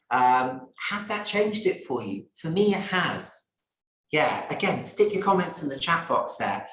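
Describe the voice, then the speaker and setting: Male host, casual tasting guide on a video call, relaxed chat, mid pitch, roomy sound. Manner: chatty and easygoing, addresses viewers by name. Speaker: gin brand ambassador hosting a tasting. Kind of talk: live online tasting talk.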